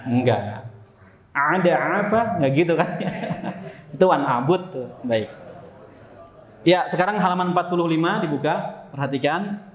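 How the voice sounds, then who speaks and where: A man's voice: fairly high pitch, measured pace, pauses often, roomy sound. A man teaching Quran recitation to a congregation, playful and laughing often, chanting Arabic sounds for the group to repeat.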